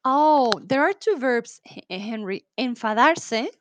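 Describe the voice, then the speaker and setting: Slow, patient woman teaching Spanish. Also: on the high side, lively intonation, slight background noise. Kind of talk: live online language class, reading chat comments aloud.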